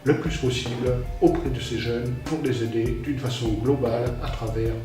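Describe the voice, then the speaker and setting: A man speaking as an association spokesman, giving a deliberate, formal statement. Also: mid-range voice, fairly even intonation, very echoey, far from the mic, music in the background.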